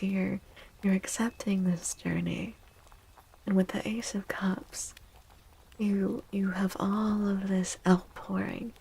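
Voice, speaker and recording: In a rough recording, a medium-pitched female streamer offers an ASMR tarot reading in a soft voice. Her pace is calm and gentle, with pauses between phrases and frequent drifts into breathy whispering.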